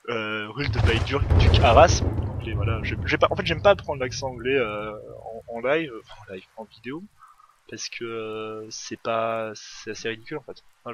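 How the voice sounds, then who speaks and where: A man casually commenting on his own gameplay with a bright, forward tone. He rambles, hesitates and corrects himself often, like someone thinking aloud while playing. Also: medium pitch, slight background noise. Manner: rambling, full of fillers and self-corrections. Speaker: gaming video host.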